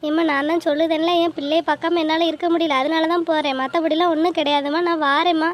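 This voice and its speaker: A woman voicing a caring young mother in an animated family drama, gently reassuring her mother. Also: high voice, fast talker, close to an everyday voice. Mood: soothing. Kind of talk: cartoon voice acting. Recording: faint ambient noise.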